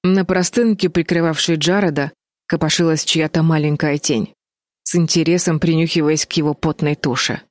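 Female audiobook narrator, low and steady, dry booth sound. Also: moderate pace, no room sound. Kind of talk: scripted narration.

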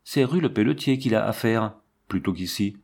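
A man voicing a cool, composed banker's wife who speaks with calm, dignified irony. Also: fairly low pitch, moderate pace, gravelly. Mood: ironic. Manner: calm, dignified, quietly ironic.

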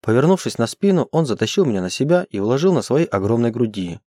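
Guy reading a romance audiobook, steady expressive narration, super dry sound. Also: medium pitch, quick pace, dry recording. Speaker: audiobook reader.

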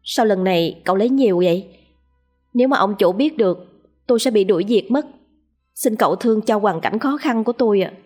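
A woman's voice: medium pitch, expressive, fairly quick, darkish tone, faint music behind, lightly acted. A woman voicing a frightened young female accountant who pleads politely. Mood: pleading.

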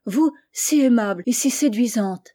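A tearful little girl with a lifted, higher voice, stubborn and close to sobbing, played by a woman reading a storybook. She speaks loudly and pleadingly, with a mellow, warm tone underneath. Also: expressive, normal speed. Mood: delighted.

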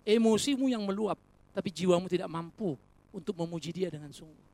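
This preacher's mid-range voice moves fairly quickly through an animated, rhetorical sermon. He speaks straight to the congregation as brothers and sisters, blending jokes with sincere points.

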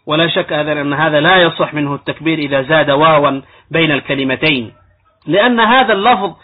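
An Islamic scholar with a high voice gives a religious lecture on jurisprudence, patiently explaining points and sometimes demonstrating wrong pronunciations. The audio is tinny and lo-fi, like a phone.

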